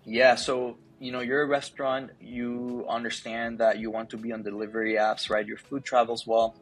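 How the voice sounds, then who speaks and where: A man's voice: mid-range voice, flat delivery, normal speed, faint music behind, poor audio. A young man from Colombia, a startup founder, chatting in an interview over earbuds on a video call from an office. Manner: chatty, lots of likes and ums. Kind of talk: casual interview answers. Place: office with large window.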